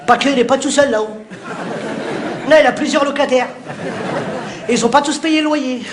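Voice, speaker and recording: High-voiced man doing live stand-up. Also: a crowd in the background. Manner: rapid teasing banter, shouted punchlines. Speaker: stand-up comedian. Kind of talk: live stand-up comedy with crowd work. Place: theatre stage before a live audience. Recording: live show with audience laughter and noise.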